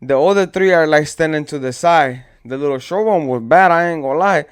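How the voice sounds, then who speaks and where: A man with a clear, resonant, slightly high voice tells a story from his own past. He talks in casual street slang and rambles from one detail to the next. He acts out what his friends said as he goes. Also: fairly quick.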